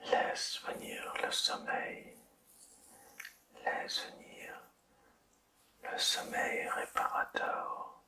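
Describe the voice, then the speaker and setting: A person whispering quietly, as if at night, in a slow, soothing, deliberate ASMR style, guiding a listener toward sleep with long pauses. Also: recorded from a distance.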